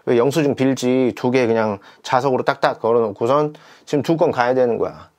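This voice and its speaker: A man who rides a delivery motorcycle tells a story in a casual vlog. He talks animatedly, uses many fillers and acts out his own shouted words. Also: mid-range voice, brisk. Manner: many fillers and repeated "이렇게".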